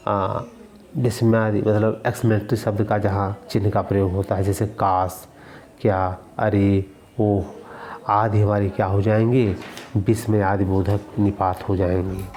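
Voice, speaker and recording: Low, dark-voiced man teaching a lesson. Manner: asks questions and answers them himself; repeats key words for emphasis. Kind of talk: grammar lesson.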